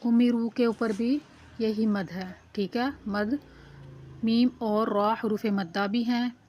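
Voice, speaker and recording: A woman teaching Quran recitation, explaining each sound patiently and reciting the verses slowly and carefully. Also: fairly high pitch, fairly even intonation, a little mellow, slight background noise. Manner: patient, repeats "theek hai" to check understanding. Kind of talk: slow, careful tajweed lesson with drawn-out recitation.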